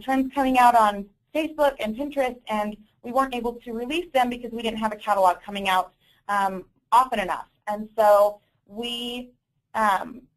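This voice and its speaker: A woman's voice: fairly high pitch, rough recording. A woman presenting a business training webinar in an informal, self-correcting way, heard over a conference call. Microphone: conference call audio.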